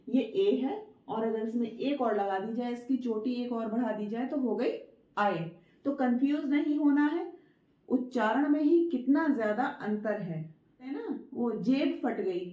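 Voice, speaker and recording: A woman teaching a writing lesson, patient and repetitive, stretching words out slowly syllable by syllable to show how they sound. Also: a little high, echoey room, dull audio. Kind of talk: Hindi dictation lesson.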